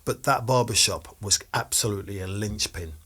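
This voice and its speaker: A man's voice: fairly low pitch, normal speed, bright, forceful tone, husky. A man from England, a guest academic on a podcast, telling stories in a reflective way and building up to emphatic lists. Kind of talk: casual podcast conversation.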